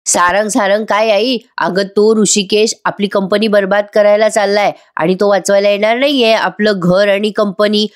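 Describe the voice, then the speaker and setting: A woman's voice: medium pitch, fairly even intonation, normal speed, few pauses, close to an everyday voice. A woman voicing an angry, proud middle-aged mother scolding her son.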